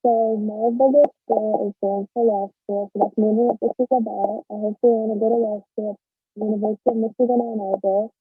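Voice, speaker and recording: Teen girl, student, hurried delivery, muffled as if through a wall, slightly husky, tinny call audio. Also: mid-range voice, fairly even intonation, dry recording. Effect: muffled, as if heard through a wall. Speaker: student presenting in an online class. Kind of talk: casual class presentation. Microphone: wireless earbuds on a video call. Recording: muffled phone-like line, faint keyboard music behind.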